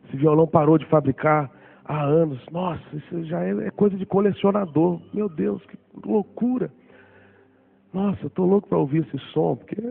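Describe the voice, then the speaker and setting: A man's voice: medium pitch, vocal fry. A man, telling his testimony in a sermon and acting out what people said. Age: 40s. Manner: animated storytelling, acting out voices. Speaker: preacher. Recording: tinny phone-like sound.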